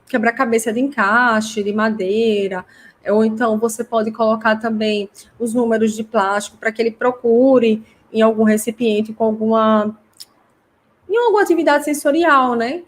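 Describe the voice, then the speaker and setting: A woman hosting a live online class for parents, chatty and explanatory as she answers viewer comments. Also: on the high side. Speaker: host teaching parents.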